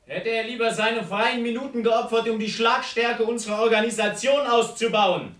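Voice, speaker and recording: Brash heckling revolutionary, very high voice, far from the mic, radio play sloganeering. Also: male voice, moderate pace, fairly bright tone. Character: brash, heckling male revolutionary comrade, an outsider from Prussia. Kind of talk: theatrical radio play acting. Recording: echoey hall, distant from mic.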